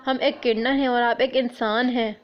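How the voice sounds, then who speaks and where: A woman's voice: a little high, steady tone, dull audio, lightly acted. A woman voicing a proud transgender beggar who pleads and protests in a storybook reading. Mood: pleading.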